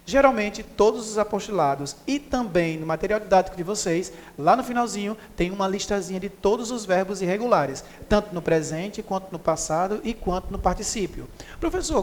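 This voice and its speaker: A man's voice: high voice, slight background noise. Man, English teacher, methodical explainer, reverberant room. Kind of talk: recorded online class lesson. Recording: echoey room.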